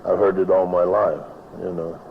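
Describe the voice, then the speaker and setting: A man with an American West accent and a gravelly voice, talking casually about his life in a folksy, halting way. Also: sits low. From northern Arizona, United States. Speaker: cowboy poet. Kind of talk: casual reminiscing interview talk. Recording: dull lo-fi, steady background noise.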